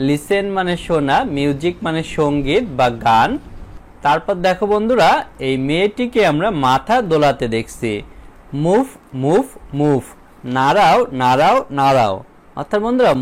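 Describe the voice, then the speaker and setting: A man with a Bangladeshi accent teaching a children's English lesson, explaining patiently and drawing out English phrases slowly. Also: fairly high pitch.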